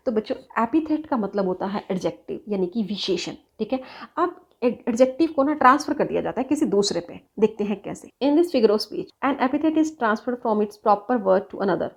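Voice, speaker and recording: A woman's voice: mid-range voice, gravelly. Patient woman teacher. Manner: mixes Hindi and English, checks understanding often; reads English definitions slowly, word by word. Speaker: English teacher. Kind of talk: classroom lesson explaining grammar terms.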